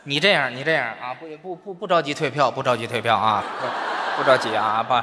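A man's voice: mid-range voice, a little fast, background noise. A man performing stage crosstalk comedy as a coaxing, bossy straight man. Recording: live hall with faint ambience.

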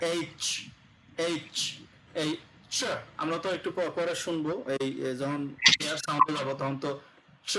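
Guy teaching a class online, kinda high voice, says each sound over and over, lots of fillers. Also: a bit bright, low-quality recording. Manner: explains slowly, repeating sounds, with many fillers. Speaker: English pronunciation teacher.

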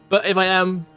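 With a high, pushed, bright voice, a game streamer in his thirties thinks aloud in short, musing remarks as he plays. He's in a small indoor room at home, with background music underneath.

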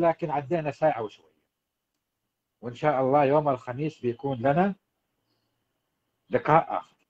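His voice leans high and a little mellow, and the audio comes through muffled. He's a livestreaming marriage coach who speaks earnestly to husbands, addressing them directly and pressing his advice.

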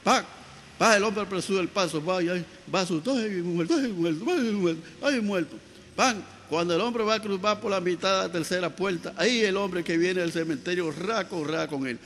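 A man with a Dominican accent telling jokes in a lively comic storytelling manner, adding sound effects. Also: high voice, brisk, slight background noise. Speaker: joke teller.

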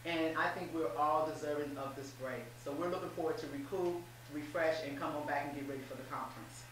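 A woman's voice: low voice, steady tone, a little fast. A middle-aged woman, a head basketball coach, speaking upbeat and emphatic in a post-game press interview at a table mic. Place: small room with posters, seated at a table. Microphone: table mic on a stand, voice picked up from off the mic. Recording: very echoey room, distant mic, faint hum.

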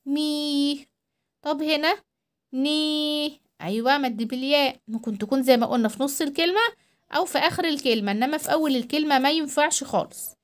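A woman with an Egyptian accent teaching young children to read, drawing out syllables slowly and clearly. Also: high-pitched. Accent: Egyptian Arabic. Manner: drawn-out syllables for young learners. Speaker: primary school teacher. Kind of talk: children's reading lesson. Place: voice-over recorded at home.

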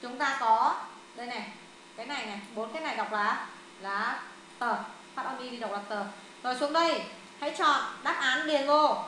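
A woman tutor with a high, bright voice runs students through exam questions. She is brisk and directive. She corrects wrong answers firmly and keeps the drill moving. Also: a little hiss or hum. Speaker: English tutor.

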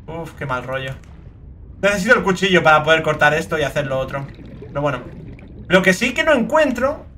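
A young man with a Spain Spanish accent doing let's play commentary, excitable and swearing a lot, with sudden shrieking outbursts. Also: fairly high pitch, fairly quick, a little hiss or hum. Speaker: gaming video creator.

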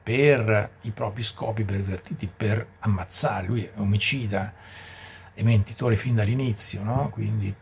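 A man's voice: fairly low pitch, a little slow, vocal fry, a little mellow, slight background noise. A man giving a catechesis talk as a preacher, speaking conversationally with frequent rhetorical asides.

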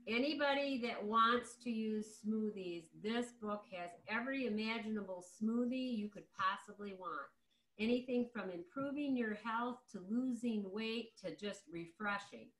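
Unhurried and fairly bright, a slightly high female voice walks through a cooking demo. The middle-aged presenter keeps it conversational and explanatory on a video call from her indoor home kitchen. Sound from the device across the counter is roomy and echoey.

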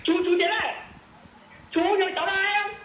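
A man putting on the voice of a young boy who calls in as a nephew, squeaky and stammering. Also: steady tone, brisk, fairly bright tone, far from the mic, a little hiss or hum. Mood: squeaky pleading. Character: young boy caller calling himself nephew. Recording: roomy echo.

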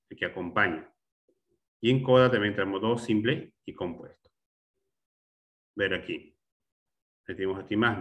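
A male teacher giving a classroom grammar lesson, explaining step by step, repeating words and often checking with a quick question. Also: lowish voice, a bit bright.

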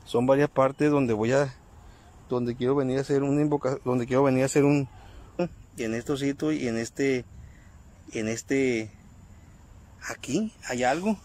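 A man with a Mexican accent hosting a ghost-hunting vlog in a cemetery at night, nervously calling out questions to a spirit and speaking to his viewers in a hushed voice. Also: medium pitch, unhurried, pauses often. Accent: Mexican Spanish. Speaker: paranormal vlogger.

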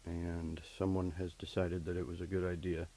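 An HVAC technician walks through a hands-on repair step by step in plain terms, often using fillers, in a low, dark voice with flat delivery at a moderate pace. He films himself on a handheld camera while working in a basement furnace area and on a workshop floor, and the audio quality is poor.

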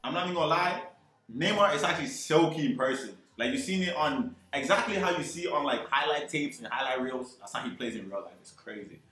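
A young man in his twenties chatting as a guest on a gaming headset, easygoing and modest, sometimes halting over his words. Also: a little high, pushed and bright, echoey room, poor audio. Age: 20s. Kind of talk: casual gaming chat. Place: bedroom streaming setup, indoors.

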